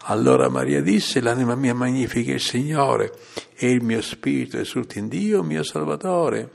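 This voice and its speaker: A man preaching in a solemn, measured reading style. His voice is deeply gravelly and husky. He lifts his emphasis as he works through scripture passages. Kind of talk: sermon reading with scripture quotes.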